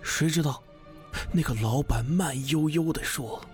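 A man's voice: on the high side, a little slow, faint music behind, voice pushed up, lightly acted. A man voicing a sly young man who loves scaring his friends with ghost stories. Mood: teasing. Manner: teasing, conspiratorial, drops to a hushed whisper.

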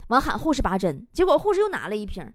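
A woman hosting a comedy show, reading out listener jokes in a playful, animated way and laughing often. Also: a little high, fast, dry recording, clean studio sound.

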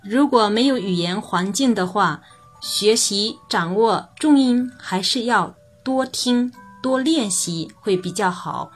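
Woman, language teacher, patient, slow repeated example words, mid pitch, faint music behind. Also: breathy edge. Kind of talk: explaining Japanese pitch accent.

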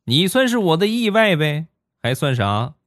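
A man voicing a gruff, stern father who speaks in a mock-severe way. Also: a little high, big pitch swings, moderate pace, very noisy, voice pushed up.

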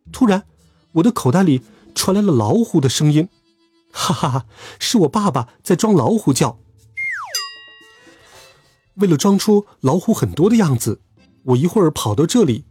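A man telling a children's story aloud in a lively, expressive way. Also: a little high, moderate pace, long pauses, breathy edge, dry recording, soft background music.

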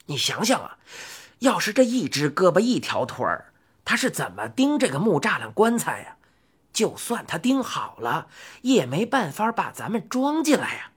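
A woman voicing an odd old man in a storybook, who talks slowly and musingly, as if lecturing. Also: fairly low pitch, big pitch swings, slightly rough, heavily acted.

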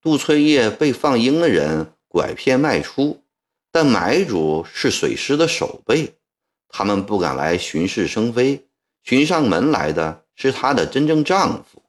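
Slow, expressive male storyteller. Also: medium pitch. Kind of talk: historical storytelling narration.

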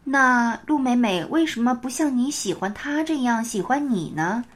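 A woman voicing a kind, gently smiling woman teacher who asks patient questions. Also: fairly high pitch, animated, moderate pace. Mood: gentle.

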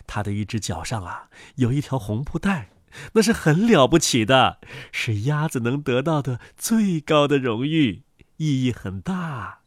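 A man's voice: mid-range voice, very animated, a little slow, no room sound, studio quality. A man voicing a fussy, bossy and doting mother duck in a storybook. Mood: lecturing. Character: proud bustling mother duck, female.

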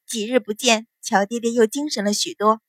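A woman voicing a calm, sharp-witted young noble daughter who speaks with composed, cool sarcasm. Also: on the high side, fairly quick, dry recording, close to an everyday voice.

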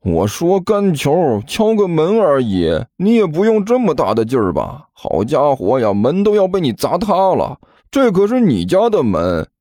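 A man's voice: fairly high pitch, wildly swooping pitch, normal speed, hardly any pauses, dark tone, no echo, clean studio sound, pitched above the performer's own voice. A male narrator voicing a meek young male apprentice who stammers and answers hesitantly in an audiobook story. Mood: annoyed.

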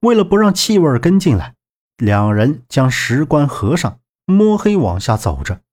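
Male narrator, audiobook, lively pitch, dramatic storytelling. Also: moderate pace. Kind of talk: scripted narration.

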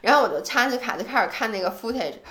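A woman co-hosting a podcast in casual chat, animated and self-deprecating, speaking with a tinge. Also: a little high, quick pace. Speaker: podcast co-host.

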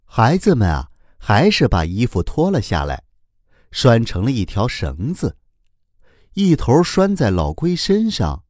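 Man reading a kids' story, slow pace, voice swoops all over, dry close sound. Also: mid-range voice, dry recording. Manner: very animated, slow and deliberate. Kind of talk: children's radio story narration.

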